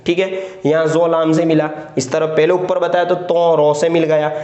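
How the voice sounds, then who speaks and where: A man teaching how to write letters step by step, patient and explaining slowly, often checking in with the viewer. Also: on the high side, level tone, a little mellow, echoey room. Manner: patient, repeats "theek hai" and "hai na" to check along. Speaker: Urdu writing teacher. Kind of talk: step-by-step handwriting lesson.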